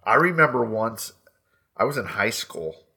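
Male podcast co-host, gravelly and husky, curious and profane. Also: on the low side, sing-song, a little slow, pushed and bright. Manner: asks questions, swears casually, laughs. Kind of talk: casual chat.

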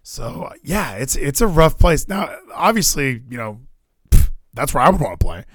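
His voice fairly high and his pace moderate, a Hawaiian-born American man offers rambling, profane, strongly opinionated sports talk with lots of animation. The recording is dry and of studio quality.

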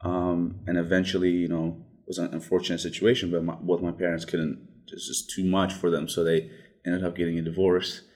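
A man's voice: sits low, completely flat delivery, a little fast, darkish tone. A young man from Ethiopia whose first language is Amharic, talking through his story in a casual interview, hesitant with frequent restarts. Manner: hesitant, many restarts and fillers. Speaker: guest.

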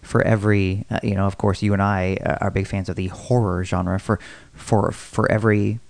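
A man with a very low voice talks in a relaxed, rambling way, full of "you know" and restarts. There is a gravelly fry to his speech. He sounds like a podcast co-host musing about films. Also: moderate pace, no echo. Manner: rambling, many fillers and restarts. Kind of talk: casual chat about movies.

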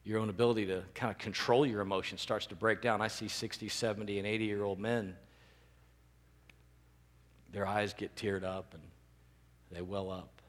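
A male pastor preaching a sermon, animated and rising to emphatic peaks. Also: lowish voice, normal speed, pauses often. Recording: long reverb of a large hall.

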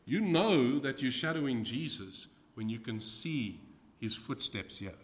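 A man preaching as a guest in a church, moving from hushed lines to loud, dramatic readings of scripture. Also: medium pitch, lively intonation, a little slow. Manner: swings from hushed to loud, acting out scripture quotes. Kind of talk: sermon. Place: church hall. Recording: reverberant hall.

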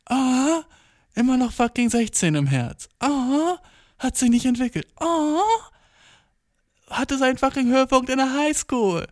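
A man's voice: very high-pitched, expressive, measured pace, no echo, studio quality, pitched above the performer's own voice. A man putting on a scornful, taunting heckler voice that jeers at him in a sing-song way. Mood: mocking. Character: mocking high-pitched heckler, scornful inner voice.

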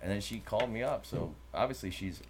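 A man with a mid-Atlantic American accent chats and jokes as a podcast co-host. His voice sits a little low and he rambles playfully. A light hiss runs under the recording. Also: expressive, a little fast. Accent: mid-Atlantic American with Midwestern bits. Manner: joking, rambling, slips into playful put-on accents. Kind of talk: casual chat.

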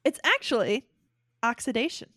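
A woman's voice: a little high, lively intonation, moderate pace, sharp tone, no room sound, clean studio sound. A woman co-hosting a casual chat, explaining things in a chatty way and laughing easily. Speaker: podcast co-host.

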